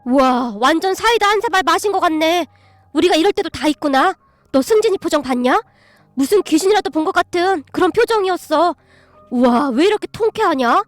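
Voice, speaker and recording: A woman's voice: very high voice, brisk, no room sound, soft background music. A woman voicing a cheerful, loyal young man who is a secretary and friend in a storybook reading. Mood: gleeful. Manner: cheerful, excited.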